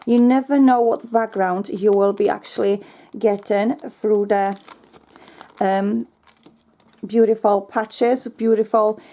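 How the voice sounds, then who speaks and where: A woman from Poland with a Polish accent, a slightly croaky voice and an earnest manner, hosting a crafting tutorial. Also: medium pitch, steady tone, slow. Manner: warm, earnest, many fillers. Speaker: craft channel host.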